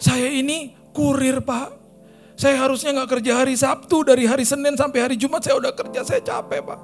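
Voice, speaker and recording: A man's voice: very high voice, brisk, soft background music, voice pushed up. A man voicing an exhausted, tearful male courier who pleads and apologizes over and over. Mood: tearful pleading. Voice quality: pleading, repeats "Pak" after every phrase. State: crying.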